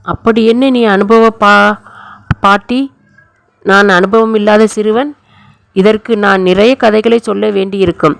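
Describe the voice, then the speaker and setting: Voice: mid-range voice, fairly even intonation, a little slow, creaky, long pauses, a bit bright, clear, resonant tone, no echo. A storyteller reading the lines of a bookish young male research student who sounds rueful and unsure of himself. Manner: rueful, self-doubting.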